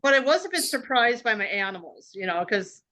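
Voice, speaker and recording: A woman's voice: a little high, sing-song, brisk, bright, forceful tone. A woman co-hosting a podcast chat, hesitant, repeating words as she thinks aloud. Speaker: podcast co-host. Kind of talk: casual panel chat.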